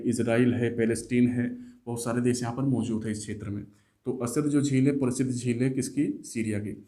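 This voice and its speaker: A man gives a geography lesson in a mellow, warm voice. He explains things step by step, often poses a question to his students and answers it himself, and mixes English terms into his lecture. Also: medium pitch. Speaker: geography teacher.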